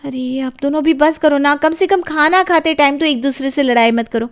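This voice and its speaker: A woman voicing a calm, kind aunt in a cartoon storybook, speaking gently. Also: high-pitched, normal speed, pitched above the performer's own voice, natural voice. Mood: soothing. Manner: gentle, soothing.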